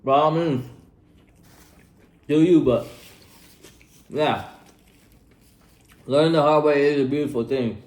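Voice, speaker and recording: A man's voice: fairly high pitch, takes it slowly, pauses often, darkish tone. Laid-back young man, echoey room. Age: 20s. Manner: laid-back, slangy, repeats himself, tags lines with "bro". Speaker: vlogger giving life advice. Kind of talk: casual advice vlog while eating.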